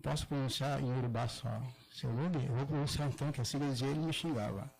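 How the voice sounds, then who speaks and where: An older man from southern Brazil, a religious elder giving a halting public talk with many restarts and slowly drawn-out demonstration words. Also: mid-range voice, gravelly, a little mellow, low-quality recording. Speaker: Afro-Brazilian religious elder speaking at a gathering. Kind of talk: public talk, explaining pronunciation.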